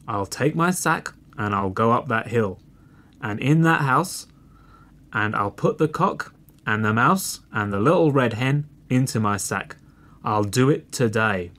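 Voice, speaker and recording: A man voicing a big, bad, greedy fox in a storybook, speaking in a gruff, boastful voice. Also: mid-range voice, expressive, measured pace, fairly bright tone. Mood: scheming.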